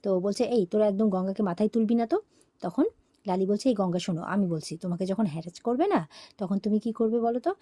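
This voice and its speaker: Fast-talking woman retelling a serial. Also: mid-range voice, dark tone, dry recording. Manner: brisk storytelling, briefly acting out each character's lines. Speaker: serial recap narrator. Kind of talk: retelling a TV serial episode, quoting characters.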